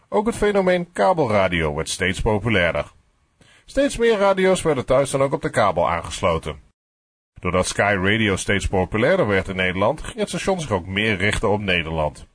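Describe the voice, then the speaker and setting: A man with a lowish, husky voice narrates a scripted documentary podcast. His intonation is lively, moving freely up and down as he tells it. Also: no room sound.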